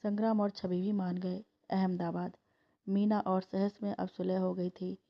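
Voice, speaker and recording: A woman narrates a family story in a plain, steady reading. Her pitch barely moves and stays at a middle height. The recording is dull and lo-fi. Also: unhurried.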